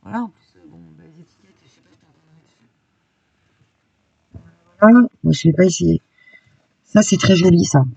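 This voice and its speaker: Brief: chatty craft vlogger woman, gravelly voice, a little distant from the mic. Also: fairly low pitch, normal speed, pauses often, a little mellow, dry recording, lo-fi sound. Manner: chatty and enthusiastic, peppered with "hein". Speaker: craft YouTuber. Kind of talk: casual shopping haul vlog.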